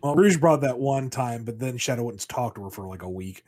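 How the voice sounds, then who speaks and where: A man of middle pitch chatting casually on a podcast, riffing in a playful, easygoing way. His voice sits right in the ordinary middle range. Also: lively intonation, fairly quick, darkish tone. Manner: playful, riffing comic scenarios. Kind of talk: casual chat.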